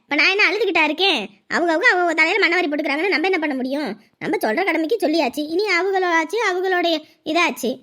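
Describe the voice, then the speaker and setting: An actress playing a stubborn young wife who answers in short, firm, low replies in a family drama. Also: female voice, fast, bright, forceful tone. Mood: dismissive. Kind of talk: village family drama acting.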